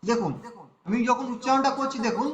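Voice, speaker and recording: A man teaching correct recitation in an online lesson, quickly explaining short and long vowels, then slowly chanting verse lines in a tune and drilling syllables again and again. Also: extremely high pitch, roomy sound, muffled recording.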